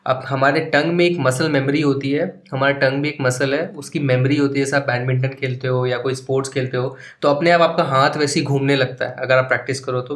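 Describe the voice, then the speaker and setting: Indian man teaching English pronunciation. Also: on the high side. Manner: mixes Hindi and English, slow explanatory repetition. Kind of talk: classroom lesson explanation in Hindi and English.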